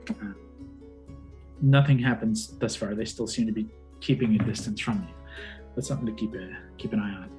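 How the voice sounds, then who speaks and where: A man improvising descriptive narration as game master of a tabletop fantasy game, in a halting way. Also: lowish voice, a little mellow. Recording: music behind the voice. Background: background music with guitar.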